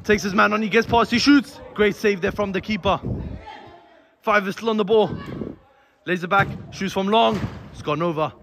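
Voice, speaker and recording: A man commentating live on an amateur football match, excited and out of breath, with stock phrases. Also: high voice, moderate pace, creaky, pauses often, a little hiss or hum.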